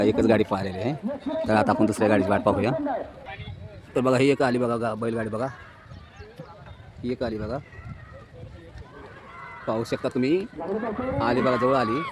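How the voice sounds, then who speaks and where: A man giving live commentary at an outdoor race, talking to viewers as friends and repeating "look" again and again. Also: lowish voice. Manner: repeats "look" over and over, excited as carts pass. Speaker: vlogger commentating a bullock cart race. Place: outdoors at a rural bullock cart race. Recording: loud outdoor crowd and noise. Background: loud crowd and noise of a race.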